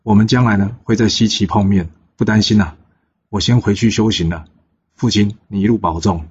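A man voicing a young male Taoist disciple who is calm and confident, speaking in a reassuring, easygoing way, on a dull lo-fi recording. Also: fairly low pitch, brisk, husky.

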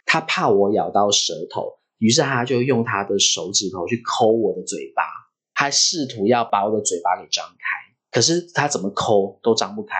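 A man, hosting a podcast and telling a story in a vivid, animated way. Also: fairly low pitch, normal speed, breathy edge. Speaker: podcast host.

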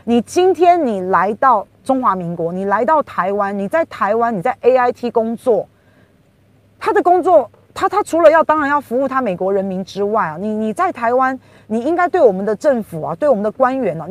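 A woman's voice: fairly high pitch, very animated, normal speed, dry recording. A woman with a Taiwanese Mandarin accent hosting a political commentary podcast. She talks in an emphatic, indignant way, full of rhetorical questions. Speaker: podcast host.

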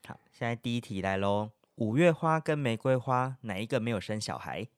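Playful taiwanese accent guy teasing his cohost, casual, normal pitch, dry close sound. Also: expressive, moderate pace, smooth, no room sound. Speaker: co-host and quizmaster. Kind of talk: casual banter.

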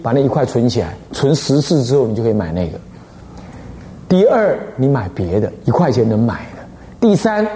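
A man with a Taiwanese Mandarin accent gives a lively Buddhist dharma lecture as an abbot. He tells stories and keeps asking the listeners rhetorical questions. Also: a little high. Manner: animated storytelling, frequent rhetorical questions.

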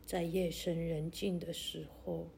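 A woman narrating a guided meditation like a sleep story, in a gentle, soothing, deliberate way with long pauses. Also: lowish voice, flat delivery, creaky, a little hiss or hum.

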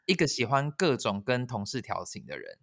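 A man chatting casually, telling a story with lively, animated quoting of others. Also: normal speed, gravelly. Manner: animated, acts out quotes with sudden high squeals. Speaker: storyteller in a chat. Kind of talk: casual chat.

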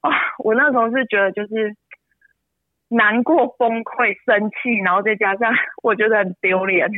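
A woman speaking, a mother telling an emotional personal story, her voice often breaking and jumping high. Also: steady tone, moderate pace, dry recording. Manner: tearful, pitch jumps high when upset. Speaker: interview guest, mother. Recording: tinny phone-line sound.

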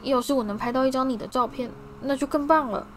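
A man's voice: very high voice, quick pace, a bit bright, slight background noise. A woman voicing an eager, starstruck young schoolboy who gushes and pleads breathlessly.

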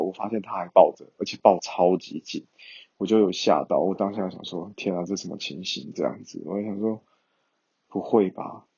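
Gravelly young man telling a story. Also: deep voice, dark tone, muffled recording. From Taiwan. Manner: chatty, rambling, many fillers. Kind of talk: casual storytelling to viewers.

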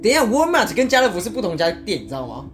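A woman with a Taiwanese Mandarin accent co-hosting a podcast in casual chat, animated and laughing often. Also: medium pitch, very fast, soft background music. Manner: animated, laughs often, mixes English words. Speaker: podcast co-host.

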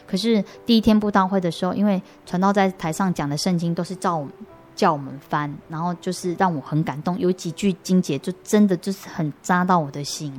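A young adult woman, an interview guest giving an earnest personal faith testimony, halting and restarting her sentences often. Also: fairly low pitch, steady tone, darkish tone, soft background music.

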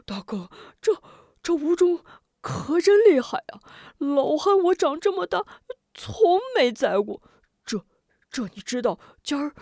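A woman voices a dim, excitable hulk of a fighter in a spoken martial-arts tale. His voice runs high and lively, tripping over its own words, and it is recorded close and dry. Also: a little slow, no room sound, full character voice. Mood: flustered. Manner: stammering, flustered and insistent. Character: dim-witted excitable big male fighter.

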